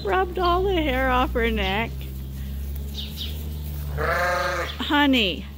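Chatty woman farmer, slow talk. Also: sits high, sing-song. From Canada. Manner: chatty, coaxing animals, often laughing. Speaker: sheep farmer. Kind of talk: casual farm vlog narration. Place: outdoors on a snowy farm and in a barn. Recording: noisy outdoor farm recording. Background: sheep bleating and farm ambience.

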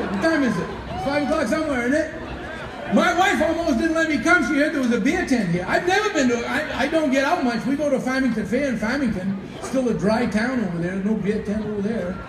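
A middle-aged man pitches his voice very high as he works up a crowd outdoors. He is folksy and rambling, full of jokes and countdowns. His voice comes echoing from a distance over the noise of the grandstand. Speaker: moose-call leader at a festival. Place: open-air fairground by a packed grandstand. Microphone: stand mic over PA, picked up by distant camera.

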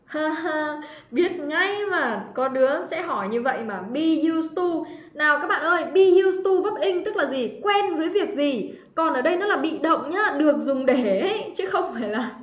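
A woman's voice: high voice, expressive, moderate pace, few pauses. A woman teaching an English grammar livestream, chatty and teasing, calling out students by name. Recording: roomy, slightly dull livestream audio.

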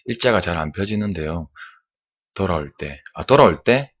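A man's voice: sits low, lively intonation, normal speed, a bit bright, lo-fi sound. A man, sweating after a swim, teaches arm strokes on a live stream and keeps repeating "like this" as he demonstrates. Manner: repetitive, demonstrative, keeps saying "like this". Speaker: swimming instructor streamer. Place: indoor room, live stream.

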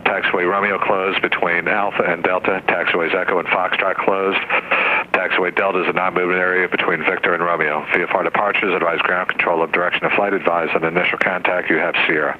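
Deep, fast airport weather broadcast over radio. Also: male voice. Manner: rapid, even reading of numbers and notices. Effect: airport weather broadcast heard over an aircraft radio. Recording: muffled aircraft radio with faint hiss.

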